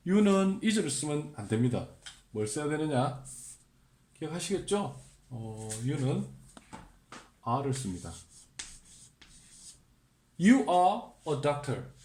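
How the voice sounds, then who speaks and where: A man teaching a beginner English grammar lesson, explaining slowly, asking the viewer questions and drilling example sentences in a deliberate voice. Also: medium pitch, darkish tone, roomy sound, slight background noise.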